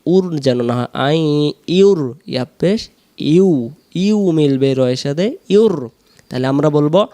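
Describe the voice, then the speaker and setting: A man teaching Quran recitation, slowly drawing out the verses and then explaining each sound quickly. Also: on the high side, lively intonation, dark tone. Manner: slow drawn-out recitation alternating with quick explanations.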